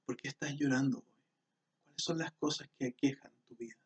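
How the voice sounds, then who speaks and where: A male pastor, preaching and praying earnestly, repeating his phrases and often dropping to a soft hush. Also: medium pitch, steady tone, a little fast, recorded from a distance. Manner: earnest, repetitive and prayerful, often softening to a hush. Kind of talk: sermon.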